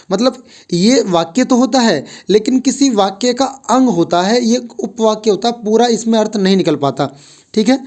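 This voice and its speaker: A man's voice: high voice, darkish tone. A male teacher lecturing on English basics for exam students, with an Indian accent. He asks questions, answers them himself and repeats key points. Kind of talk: classroom lecture.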